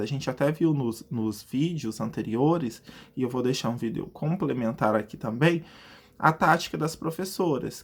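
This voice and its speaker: A man with a Brazilian Portuguese accent who teaches a video lesson in a chatty way. He asks himself questions and then answers them, and he slowly stretches out words syllable by syllable to show how they split. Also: mid-range voice, husky.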